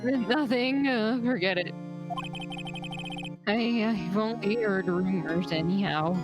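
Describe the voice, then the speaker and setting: A woman streamer talks at a slow, easy pace, giggling between lines she reads from a game. Her close desk mic makes her sound a little muffled. Loud game music plays throughout under her voice. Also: medium pitch. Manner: giggly, unhurried. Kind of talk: casual let's-play chat, reading game lines aloud. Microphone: close desk mic, slightly muffled.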